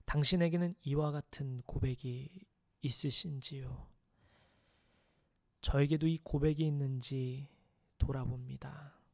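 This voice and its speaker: A man preaching a sermon in an earnest, measured way, pausing to reflect and often dropping to a soft, hushed tone. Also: medium pitch, steady tone, gravelly, no room sound, clean studio sound.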